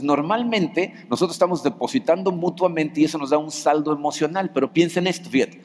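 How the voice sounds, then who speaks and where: A man's voice: on the high side, a little mellow. A man preaching a sermon in a church hall, in a conversational style with frequent rhetorical questions. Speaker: pastor.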